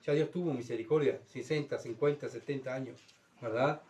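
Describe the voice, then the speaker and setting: Preaching with dramatic swings, a male pastor reads scripture and performs voices, taking on God's voice and mocking crowds in heightened tones. His voice is medium-pitched, a little fast, and darkish, recorded from far away from the mic.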